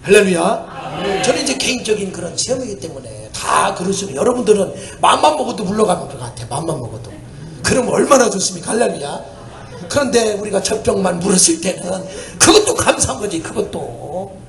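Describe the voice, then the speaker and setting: Male missionary preacher, high and very lively delivery, echoey church room. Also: a little fast, vocal fry. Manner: animated storytelling with laughter and shouts. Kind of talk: sermon. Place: church sanctuary.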